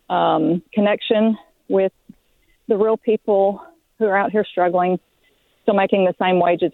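A woman's voice: on the low side, no room sound. Breathless woman caller on a phone line. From Arkansas. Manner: hesitant, polite, lots of ums. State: out of breath from walking. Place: outdoors walking.

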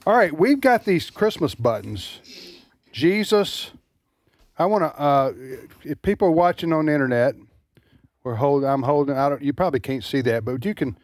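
A man hosting casual talk radio in a studio, folksy and halting, often repeating words. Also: a little high, expressive, no echo. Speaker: radio host, ministry president.

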